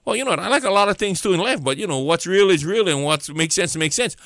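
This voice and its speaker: Pastor, male, Hawaiian Pidgin accent, animated storytelling sermon, bright voice, lively pitch. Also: fast talker, dry recording, studio quality. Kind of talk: storytelling sermon to a listening audience.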